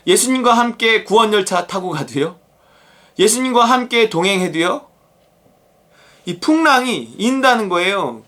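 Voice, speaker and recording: Animated high-voiced male pastor. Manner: animated, conversational, acts out quotes. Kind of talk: daily devotional sermon.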